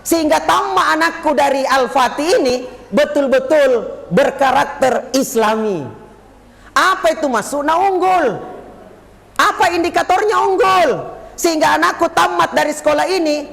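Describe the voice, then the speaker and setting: A man preaches to parents in a joking, crowd-rousing way. His voice sits very high and has a gravelly rasp. It rings out with a long echo through a school hall. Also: moderate pace, a bit bright. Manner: jokey, addresses the audience directly, rallies the crowd. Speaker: Islamic teacher speaking at a parents' forum. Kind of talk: humorous preaching talk to parents.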